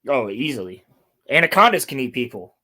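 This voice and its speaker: A male host with a mid-range voice chats casually with a co-host. He presents his topics and reads articles out loud. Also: medium pitch, sing-song, brisk. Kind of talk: casual chat and reading articles aloud.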